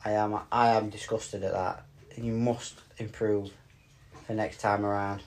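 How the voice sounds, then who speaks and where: A man's voice: on the low side, flat delivery, measured pace. A middle-aged man, co-hosting a casual podcast with a playful, teasing and mock-stern manner. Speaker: podcast co-host. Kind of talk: casual chat.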